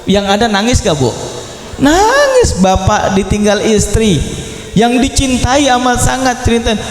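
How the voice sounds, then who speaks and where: A man's voice: very high-pitched, big pitch swings, a little slow. A middle-aged man giving a sermon at a religious celebration, telling a story and putting questions to the audience. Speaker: preacher. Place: prayer room at a religious celebration. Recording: echoey hall, faint noise.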